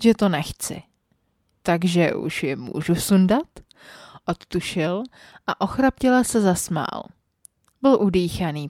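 Lady reading a story on her podcast, soft almost whispery, lowish voice, dry sound. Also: dry recording. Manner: soft, intimate, often near a whisper. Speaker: podcast host and story narrator. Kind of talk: scripted audiobook-style story narration.

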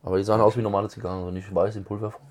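A man's voice: lowish voice, little pitch movement, racing, a little mellow. A man co-hosting a casual cigar review chat, who has a cold, agreeable with short replies. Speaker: podcast co-host.

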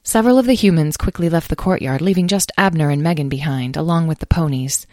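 A woman narrating a children's story in a calm, measured way. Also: low voice, no room sound, clean studio sound.

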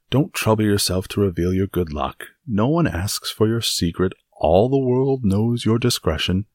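In a dramatised audiobook reading of a classic adventure novel, a man plays a boastful, blustering musketeer, loud and self-satisfied. His slightly rough voice swings from low rumbles to high exclamations, theatrical, self-sufficient and very pleased with himself. The recording is dry and close, with no room sound.

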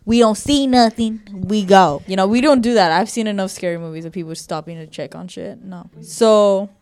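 A woman's voice: medium pitch, fairly quick, a little mellow, dry recording. Female podcast host, casual storyteller, profane and rambling, with Spanish words mixed in; dry recording.

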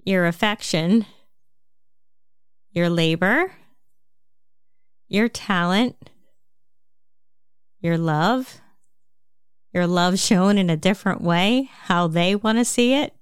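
A woman with a New Jersey accent giving a calm, measured self-help talk, explaining things step by step. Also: on the low side, smooth, no echo, studio quality.

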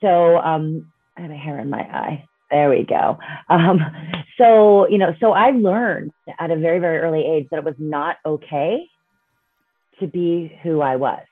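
A woman's voice: low-pitched, unhurried, slightly rough, no echo, faint music behind. A woman in her fifties, a coach and speaker, talking as an interview guest in a chatty, upbeat way, often tagging her sentences with "right?" and "you know". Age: 50s. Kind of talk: casual interview talk. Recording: dry, tinny phone-like line.

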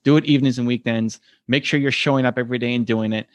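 The recording is muffled but echo-free: a fast-talking man with a steady tone, guesting on a podcast. Earnest and reflective in his conversational answers, he acts out quoted voices with a rising pitch.

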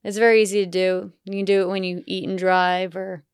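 A young woman with a very clear, crisp voice talks through a film's plot in long, chatty stretches. She co-hosts a casual review podcast. The sound is dry and close, with no room around it. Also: mid-range voice, little pitch movement, a little fast, dry recording. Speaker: podcast co-host. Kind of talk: casual movie review chat.

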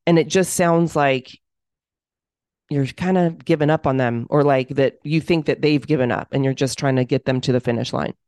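A woman's voice: very deep voice, fairly even intonation, normal speed, a little mellow, no echo. Woman co-host with a dry close sound. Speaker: running coach and podcast co-host. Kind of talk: casual chat.

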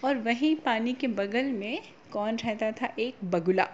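A woman's voice: fairly high pitch, unhurried, muffled recording, a little hiss or hum. A woman telling a fable to children, stopping to explain things and ask them questions. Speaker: storyteller for children. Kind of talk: storytelling to children.

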